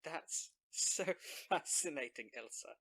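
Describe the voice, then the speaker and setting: A man's voice: a little high, lively intonation, slow pace, creaky, bright, forceful tone. A man playing a tabletop role-playing game, chatting casually and speaking in character.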